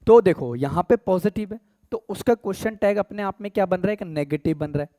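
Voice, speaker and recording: This man, whose voice is high and warm with no echo, has an Indian accent and teaches English grammar in a relaxed blend of Hindi and English. He addresses students as "beta," frequently asks "theek hai?", and slows down when reading English examples aloud.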